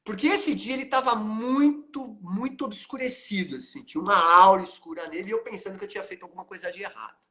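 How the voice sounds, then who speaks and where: A man's voice: high voice, fast talker, few pauses, sharp tone. A Brazilian man in his fifties with a Brazilian Portuguese accent, hosting a live stream and telling stories animatedly, acting out the dialogue with frequent tag questions. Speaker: host, aikido teacher.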